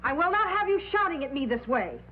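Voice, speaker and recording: An actress playing a con artist who poses as a loyal, prim assistant, earnest and formal in a vintage crime drama. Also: female voice, high voice, sing-song, fast. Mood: pleading, indignant. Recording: tinny old TV soundtrack, faint hum.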